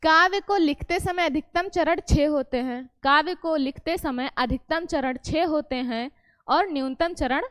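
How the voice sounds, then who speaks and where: A woman teacher walks her class through the rules of verse meter, stating each point and then quizzing the students on it. Her voice sits high. The recording is dry and close, with no room sound. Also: dry recording. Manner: repeats each point and asks the class questions back; self-correcting, explains patiently. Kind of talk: classroom lesson on Hindi poetry meter.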